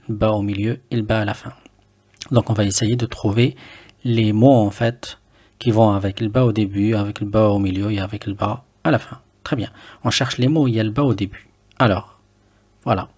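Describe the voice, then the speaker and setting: A man teaching Arabic letters in French, patient and slow, repeating each word for the learner to drill. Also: fairly low pitch, vocal fry, darkish tone, slightly rough.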